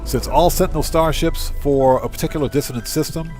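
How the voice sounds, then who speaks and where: This man's voice sits slightly high and has a gentle mellowness, and he moves fairly quickly. As a game streamer and host, he thinks aloud through each step of play and addresses his chat, with quiet music behind him.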